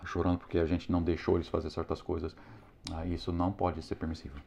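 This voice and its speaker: Very deep-voiced man, earnest and preachy. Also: monotone, fast talker, gravelly, warm tone. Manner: earnest, moralizing, with many hesitant "ah" fillers. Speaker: parenting teacher. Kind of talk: preachy instructional talk. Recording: slightly dull lo-fi sound.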